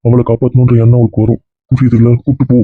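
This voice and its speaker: A man playing a firm, steady man who talks a grieving friend into staying calm. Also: mid-range voice, racing, no echo, natural voice. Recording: phone-like dry recording.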